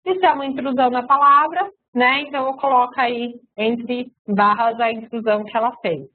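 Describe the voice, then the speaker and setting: A woman's voice: a little high, fairly even intonation, normal speed. A woman with a Brazilian Portuguese accent giving a recorded web-conference lecture, explaining step by step with frequent fillers and tag questions. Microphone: web conference microphone. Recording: tinny phone-like web conference audio.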